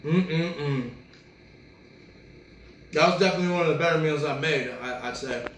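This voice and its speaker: A man's voice: on the high side, rapid-fire, roomy sound, a little hiss or hum, rough recording. Chatty man hosting a home cooking show. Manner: talks while chewing, relaxed and chatty. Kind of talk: casual cooking video chat.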